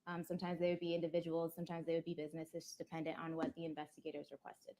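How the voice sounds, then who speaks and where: A woman police detective giving measured, factual courtroom testimony. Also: low voice, monotone, warm tone.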